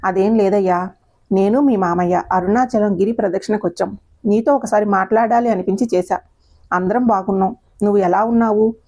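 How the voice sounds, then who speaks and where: Lady narrator doing a soft gentle older mom, coaxing, patient, audio story. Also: mid-range voice, steady tone, fairly quick, close to an everyday voice. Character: older mother, gentle and persuasive.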